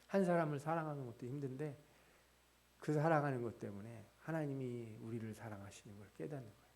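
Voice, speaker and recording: A man's voice: mid-range voice, fast talker, a little mellow. A man preaching a midweek church sermon, posing questions to the congregation and answering them himself. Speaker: pastor.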